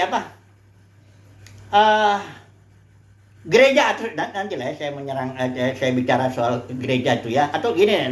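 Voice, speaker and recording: Woman preaching in an echoey room. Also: sits low. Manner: conversational, with rhetorical questions and quoted voices. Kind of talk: Bible teaching sermon.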